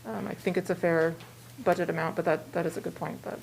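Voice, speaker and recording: Low, creaky American woman muffled by face mask. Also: steady tone, quick pace, darkish tone. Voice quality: slightly muffled, speaking through a face mask. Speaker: library staff presenting a budget. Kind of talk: answering questions at a public meeting. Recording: muffled by mask, faint room noise.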